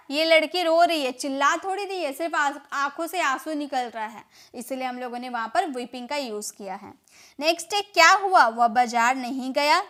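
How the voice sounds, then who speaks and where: High-voiced Indian woman teaching English. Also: a bit bright. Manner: slow, repeats each phrase, quizzes the listener. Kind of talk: spoken English lesson.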